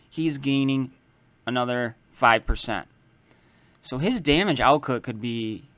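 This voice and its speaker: A man casually walking through a mobile game character build, explaining his choices in a relaxed way and often starting lines with "so". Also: mid-range voice, dry recording. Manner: self-correcting, loose phrasing. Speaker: mobile game guide maker. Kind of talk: casual game strategy walkthrough.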